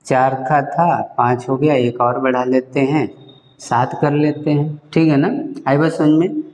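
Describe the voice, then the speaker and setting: A man's voice: mid-range voice, fairly even intonation, unhurried, darkish tone, lo-fi sound. A man teaching a whiteboard language lesson who repeats each term, asks viewers to say it back and keeps checking that they have understood. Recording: echoey room with long reverb.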